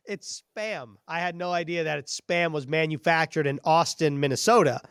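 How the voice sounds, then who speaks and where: Easygoing male podcast host, slightly high voice, dry close mic. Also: moderate pace, fairly bright tone, smooth, no echo. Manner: friendly, easygoing, laughs often. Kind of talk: casual sports podcast chat.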